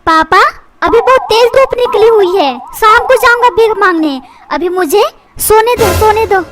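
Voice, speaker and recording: A woman's voice: extremely high pitch, animated, moderate pace. Whiny lazy cartoon boy. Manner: whiny, cheeky backtalk. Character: lazy cheeky cartoon schoolboy, stubborn. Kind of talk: cartoon dubbing. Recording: loud background music. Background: loud music.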